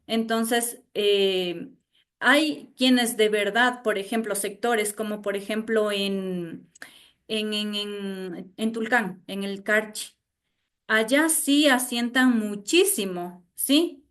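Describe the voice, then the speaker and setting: A woman with an Ecuadorian highland accent teaching an online class, repeating herself and checking in with her students. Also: slow pace, fairly bright tone. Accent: Ecuadorian highland Spanish. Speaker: university teacher. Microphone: video call.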